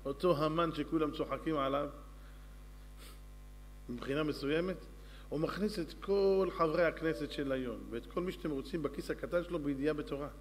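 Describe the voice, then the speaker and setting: A rabbi delivering a lively storytelling sermon, speaking straight to his audience. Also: fairly high pitch, long reverb tail, slight background noise. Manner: storytelling, addressing audience directly. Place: synagogue or lecture hall.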